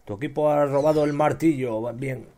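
A young man with a Spain Spanish accent commenting on his gameplay, excitable and swearing often as he shouts at enemies. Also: medium pitch, a little fast. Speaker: gamer.

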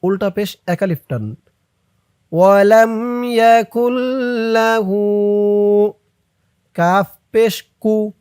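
Slow, high-voiced Bangladeshi recitation teacher. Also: male voice, a little mellow, clean tone, dry recording, clean studio sound, faint music behind. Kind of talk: slow letter-by-letter recitation lesson.

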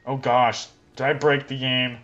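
A young man chatters through a video game, excitable and rambling, cracking jokes as he goes. His voice sits at a middle pitch, and the recording is dull and lo-fi. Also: measured pace, faint music behind. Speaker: gameplay commentator. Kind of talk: let's play commentary.

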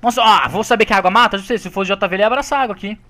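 Brazilian gamer guy talking fast, high bright voice, yells sometimes. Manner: chatty, bursts into shouts. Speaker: gamer co-host. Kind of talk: casual gameplay banter.

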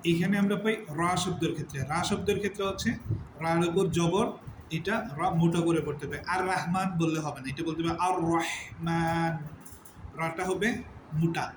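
Male Quran teacher, slightly high voice, patient step-by-step explainer who draws out recited words; echoey room with steady background hiss. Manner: explains step by step, repeating terms and drawing out recited words slowly. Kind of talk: religious lesson on word meanings and recitation rules.

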